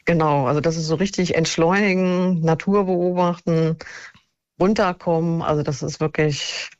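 A woman's voice: sits low, fairly even intonation, normal speed, darkish tone, no echo, dull audio. A woman from northern Germany calling in to a radio show, talking hesitantly with lots of fillers and easy laughter. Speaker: radio caller. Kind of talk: radio phone-in chat.

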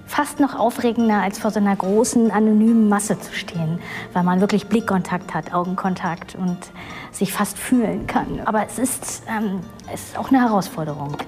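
Excited female singer in a reverberant space. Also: medium pitch, normal speed, faint music behind. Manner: excited, expressive. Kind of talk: interview clip.

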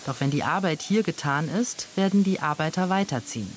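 Documentary narrator, even and measured. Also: mid-range voice, a little hiss or hum.

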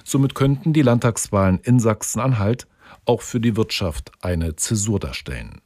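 A male reporter reads a scripted news piece in an even, steady manner. His voice is lowish and mellow. The booth sound is dry and close. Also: moderate pace, no room sound. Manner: even, reading. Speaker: radio reporter.

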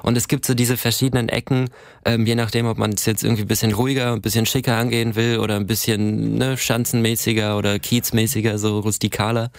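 A man's voice: fairly low pitch, level tone, quick pace, creaky, no room sound. A young man from Germany, a conductor, chatting casually as an interview guest and hesitating with many fillers. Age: young adult.

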